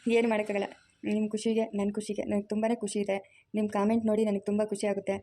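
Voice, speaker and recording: A woman's voice: medium pitch, little pitch movement, fast talker, mellow. A woman, hosting her channel, talking candidly and resignedly to viewers. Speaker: channel host. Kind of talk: casual chat to viewers.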